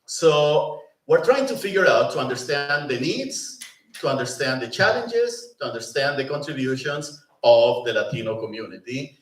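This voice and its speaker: A man's voice: mid-range voice, very animated, normal speed. A man giving a conversational lecture as a presenter at a pastoral institute, often asking the room "no?" and "you know?". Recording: roomy, mic at a distance.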